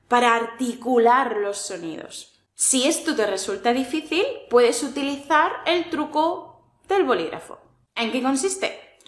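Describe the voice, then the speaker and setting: A woman with a Spanish accent from Spain, giving a language lesson in a clear, deliberate, coaching tone. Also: fairly high pitch, fairly bright tone. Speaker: Spanish teacher. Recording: echoey room.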